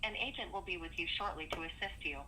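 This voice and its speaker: A woman's voice: lowish voice, fast talker, pushed and bright, slight background noise, low-quality recording. A woman's recorded phone menu message playing over a phone, giving polite, formal customer service prompts. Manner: polite, formal, evenly paced. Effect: recorded phone menu message played over a phone. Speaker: automated customer service line.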